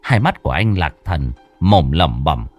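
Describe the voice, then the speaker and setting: A man's voice: very deep voice, expressive, a little slow, dry recording, soft background music. A man narrating a ghost story in a dramatic storytelling delivery.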